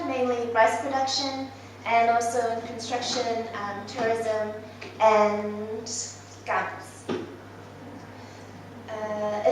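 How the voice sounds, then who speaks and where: A woman in her twenties, from Malaysia but raised in New Zealand, presents her mission work to a church congregation in a slightly high voice. She's informal, dropping frequent ums and soft laughs. The sound is distant and very echoey across the hall, with slight background noise.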